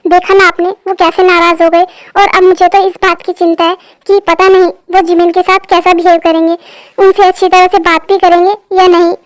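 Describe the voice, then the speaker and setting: A woman's voice: very high-pitched, level tone, a little fast, no echo. A woman voicing an anxious young woman of the family who frets and complains, in an amateur fan dub. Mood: worried.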